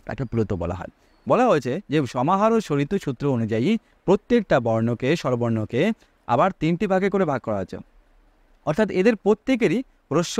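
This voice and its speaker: A man's voice: fairly high pitch, darkish tone, no echo. A man teaching a Sanskrit grammar lesson, asking his students rhetorical questions and drawing out vowel sounds to show their length.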